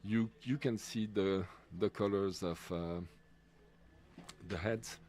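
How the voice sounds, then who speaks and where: A middle-aged Swiss man with a French accent giving live commentary on a race, halting and full of fillers. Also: fairly low pitch, darkish tone, slight background noise. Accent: French-speaking Swiss. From Switzerland. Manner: halting, many fillers and restarts.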